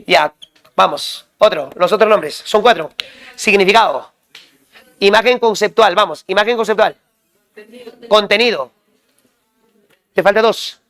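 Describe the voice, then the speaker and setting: A male teacher drilling students with quick questions and repeated call-and-response prompts. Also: sits high, fairly bright tone. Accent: Peruvian Spanish. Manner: quizzing, repetitive call-and-response.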